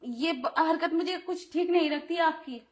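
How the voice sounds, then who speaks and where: An indignant young wife in a Hindi audio drama, played by a woman, scolding her brother-in-law with sharp protests. Her voice sits very high. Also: unhurried. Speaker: voice actor.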